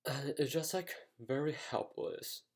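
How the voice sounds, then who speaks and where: A man's voice: mid-range voice, unhurried, slightly rough. A young American man telling a story in a casual vlog, rambling and using lots of "like" fillers. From United States. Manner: rambling, heavy use of "like" fillers. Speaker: vlogger.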